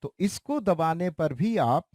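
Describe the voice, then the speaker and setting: A man giving a slow, explanatory keyboard tutorial in a casual way, talking straight to his viewers. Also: on the high side, expressive, darkish tone, no room sound, clean studio sound. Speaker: keyboard teacher. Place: recording studio.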